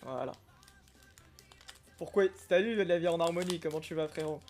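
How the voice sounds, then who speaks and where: A man's voice: on the high side, normal speed, soft background music. Chatty young man opening card packs. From Algeria. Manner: chatty and excitable, greets viewers by name. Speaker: streamer opening trading cards. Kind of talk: casual live-stream chat reading comments.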